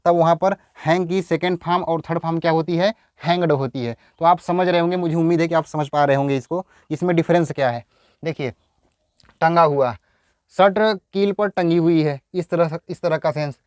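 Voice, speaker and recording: A man with a Hindi accent teaching an English lesson, dictating slowly and repeating each example sentence. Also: fairly high pitch, darkish tone, smooth, dry recording, studio quality.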